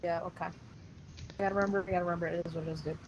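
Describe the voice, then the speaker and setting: A woman's voice: lowish voice, fairly even intonation, very fast, a little hiss or hum, rough recording. Casual, slangy woman in role-play. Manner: slangy, informal. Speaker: defendant in an online role-play game.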